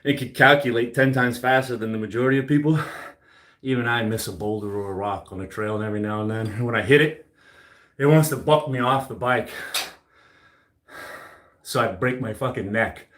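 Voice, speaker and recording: A man's voice: mid-range voice, fairly even intonation, a little fast, pauses often, a bit bright. A man talking casually while he works out at home, cursing often and boasting bluntly. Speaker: fitness livestreamer. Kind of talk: casual workout chat. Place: home gym. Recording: roomy echo.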